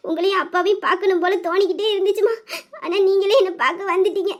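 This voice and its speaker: A woman's voice: very high-pitched, steady tone, quick pace. A woman voicing a newly married young daughter who is tearful and tender with her parents. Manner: tender, pleading.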